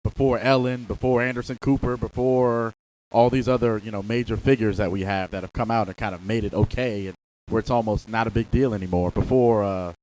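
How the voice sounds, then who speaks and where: A man's voice: fairly low pitch, steady tone, a little fast, darkish tone, slight background noise, poor audio. A man hosting a radio interview in a casual, conversational style, responding to his guest and asking questions.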